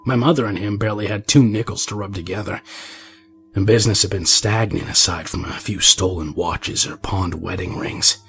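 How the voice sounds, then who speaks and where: Man voicing hushed, haunted stranger with deep gravelly tone. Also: moderate pace, soft background music. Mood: somber. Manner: hushed, quavering. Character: haunted, paranoid grown man recounting a horror.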